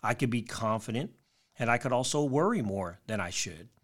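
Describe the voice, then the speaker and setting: A man's voice: mid-range voice, animated, moderate pace, a bit bright. A man hosting a motivational podcast, speaking directly to the listener in an upbeat, encouraging way and laying out tidy advice.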